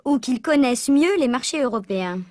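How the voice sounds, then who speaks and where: A woman reading a scripted textbook dialogue with a clear, questioning delivery. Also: high voice, lively intonation, normal speed, no room sound, studio quality.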